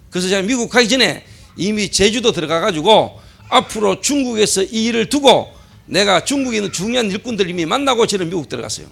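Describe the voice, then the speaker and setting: A middle-aged pastor preaches in a high, gravelly voice that swings widely up and down. He keeps asking rhetorical questions and answering them himself. He hammers his points home by repeating them. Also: a bit bright. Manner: emphatic, repeats key phrases. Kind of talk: sermon. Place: church service.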